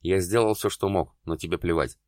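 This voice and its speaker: A hurt, desperate young man speaks bitterly to the one he loves, in a very deep voice, as a man reads him in an audiobook. The recording is dry and close. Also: a little fast, a little mellow, no echo, natural voice. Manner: bitter, pleading.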